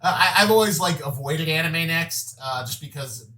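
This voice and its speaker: Bright, forceful-voiced male interviewer. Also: fairly high pitch, expressive, normal speed. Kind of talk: casual interview chat.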